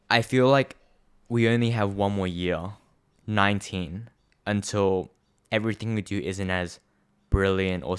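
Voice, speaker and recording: A young Australian man co-hosts a podcast, his voice low and clean. He chats casually and reflectively, rambling along with plenty of fillers.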